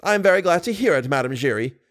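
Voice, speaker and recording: A man's voice: fairly high pitch, expressive, quick pace, fairly bright tone, pitched above the performer's own voice. A man voicing a blustering, furious theatre manager who roars and swaggers. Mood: swaggering. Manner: roaring, swaggering.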